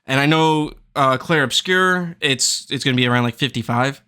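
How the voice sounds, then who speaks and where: Bright-voiced man chatting about games. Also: mid-range voice, moderate pace, clean tone. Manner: rambling, searching for words. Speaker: podcast host. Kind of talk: casual chat.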